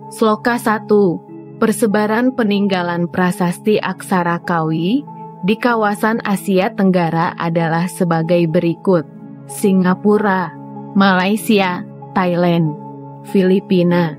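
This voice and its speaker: A woman reads a scripted educational narration in a formal, deliberate manner, enunciating each word carefully. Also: fairly low pitch, darkish tone. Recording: prominent background music. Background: music.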